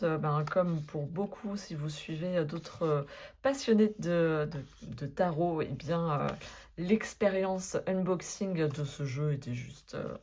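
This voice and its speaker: A woman's voice: deep voice, darkish tone. A woman chatting casually to camera about tarot decks, enthusiastic and full of hesitant fillers. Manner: enthusiastic, gushing. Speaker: tarot vlogger.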